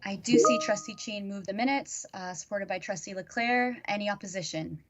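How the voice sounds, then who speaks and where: A woman chairing an online board meeting over a computer mic that keeps cutting out, so her volume jumps up and down; she talks haltingly, with fillers and self-corrections. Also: mid-range voice, very noisy. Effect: mic cutting out, uneven volume. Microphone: computer mic on a video call.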